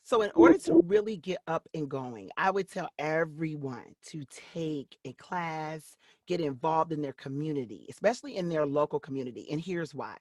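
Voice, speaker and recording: An excitable woman voice actress speaks as an interview guest. Her pitch leaps up and down as she talks. Her voice has a husky, slightly breathy edge. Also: normal speed, no room sound, studio quality. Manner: animated and excitable. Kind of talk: casual interview talk.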